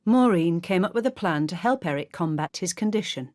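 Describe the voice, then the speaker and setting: A woman giving measured, scripted documentary narration. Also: on the low side, animated, darkish tone.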